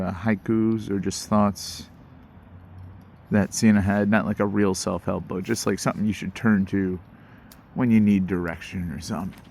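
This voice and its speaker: A host gives a casual fireside monologue to viewers outdoors by a campfire, his low voice gravelly with fry and somewhat dark. He muses and drifts in slangy speech as faint ambient sound lingers in the background.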